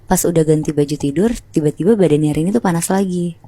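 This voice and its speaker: A woman's voice: low voice, fast, warm tone, no room sound. Woman telling a spooky story casually. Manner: chatty, slangy, addresses listeners by nickname. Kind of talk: casual spoken horror storytelling.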